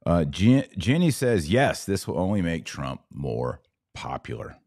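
On a casual live podcast, the male host, whose voice is exceptionally deep and a little mellow, reads out viewer comments and responds with his own commentary in a conversational way. He talks a little slowly with big pitch swings. The audio is dry, with no room sound.

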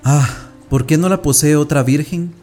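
A man's voice: a little high, moderate pace, a little mellow, faint music behind, lightly acted. A man reading as an anguished, devout young man. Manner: impassioned, anguished outbursts. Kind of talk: audiobook reading of a classic tale.

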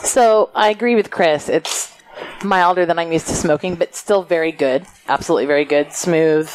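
A woman's voice: fairly low pitch, normal speed, slight background noise, low-quality recording. A woman on a cigar podcast panel, speaking agreeably in short phrases. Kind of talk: casual chat.

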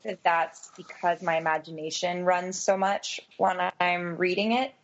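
A woman's voice: fairly low pitch, fairly even intonation, unhurried. A woman co-hosting a podcast, chatting casually and telling rambling, self-mocking stories. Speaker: podcast co-host. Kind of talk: casual chat. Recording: dull lo-fi sound.

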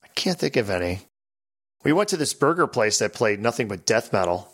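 A man's voice: on the low side, sing-song, fairly quick, a bit bright, slightly rough. A man co-hosting a podcast, chatting casually and joking, rambling with frequent restarts. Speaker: podcast co-host. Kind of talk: casual chat.

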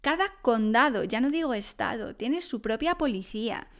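A woman's voice: a little high, lively intonation, normal speed. A woman from Spain chatting casually to camera, telling stories and acting out other people's voices. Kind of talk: casual storytelling monologue.

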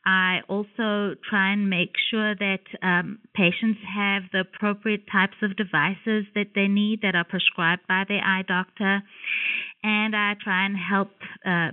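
A woman's voice: mid-range voice, no echo. A woman with a South African accent, a guest occupational therapist, explaining her work carefully on a phone-in call. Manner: careful and measured, with some fillers. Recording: tinny phone line, dry.

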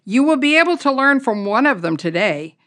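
A woman's voice: high voice, very animated, fairly quick, a bit bright. A woman hosting a podcast, explaining ideas step by step in an orderly, methodical way. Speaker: podcast host.

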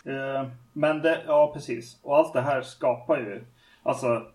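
A man's voice: medium pitch, fairly even intonation, a little mellow, recorded from a distance, poor audio. A man co-hosting a podcast, casually talking through a film, with loose fillers and restarts. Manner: conversational, many fillers and restarts. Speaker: podcast co-host.

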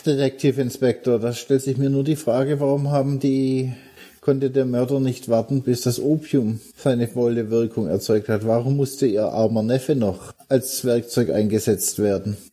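A man playing a formal, shrewd Victorian gentleman investigator who speaks in a courtly, measured way. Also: medium pitch, fairly even intonation, lightly acted. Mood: composed.

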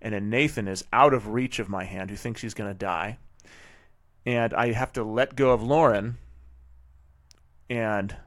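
A man hosting a podcast, telling a family story in a vivid, animated way with frequent restarts. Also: on the low side, unhurried, long pauses, no echo, clean studio sound. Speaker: podcast host and father. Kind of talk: casual storytelling monologue.

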